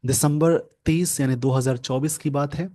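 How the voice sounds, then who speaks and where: A man teaching English grammar from a newspaper, explaining slowly and repeating key words. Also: on the high side, steady tone, mellow. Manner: slow, repetitive explaining, mixing English terms into Hindi.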